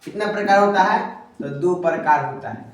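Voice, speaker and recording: A young man teaches grammar in a chatty, casual way, asking his students questions and then answering them himself. His voice sits fairly high. He is recorded from a distance in a very echoey room. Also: moderate pace. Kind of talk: casual Hindi grammar lesson.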